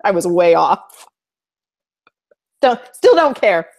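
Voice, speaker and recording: A woman with a slightly low voice talks in a loose, chatty way. She is opinionated and laughs as she speaks, co-hosting a casual fan chat. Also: very animated, slow, a little mellow. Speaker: co-host. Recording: web show hangout recording.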